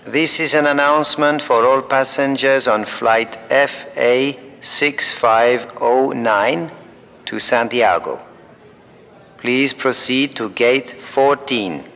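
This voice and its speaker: An actor playing a calm, formal male airport announcer who reads flight numbers slowly and clearly. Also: medium pitch, big-room sound. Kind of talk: scripted language-course recording.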